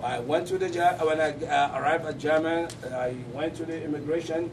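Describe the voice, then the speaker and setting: A man recounts his experiences at a press conference, repeating words as he searches for them. His voice is a little higher than usual for a man. The microphone sits far from him and clear room noise comes through. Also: brisk. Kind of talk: personal testimony at a press conference.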